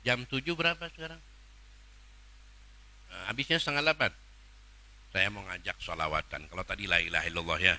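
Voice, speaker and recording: A man preaching a sermon and leading a congregation in prayer, coaxing listeners and drawing out chanted invocations slowly. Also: low voice, pushed and bright. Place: religious gathering.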